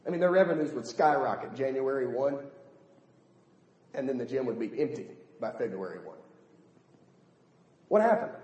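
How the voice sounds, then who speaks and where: A middle-aged man preaching a sermon in a lively, humorous way, acting out the people he quotes. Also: mid-range voice, normal speed, pauses often, dull audio. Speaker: pastor. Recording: echoey hall, long reverb.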